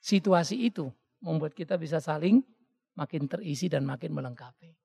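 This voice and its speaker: A man preaching a sermon as a pastor, animated and joking, acting out the voices of the people he quotes. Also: a little high, moderate pace, creaky, slightly rough, in a large hall.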